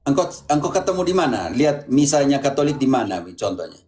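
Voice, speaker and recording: A man's voice: mid-range voice, sing-song, fairly quick, a little mellow, slight background noise. A man, a priest guiding an interview with probing questions, often repeating words. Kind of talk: pastoral interview.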